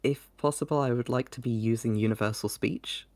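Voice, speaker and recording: A man's voice: mid-range voice, brisk, no room sound. A man playing a tabletop role-playing game, chatting casually with the group.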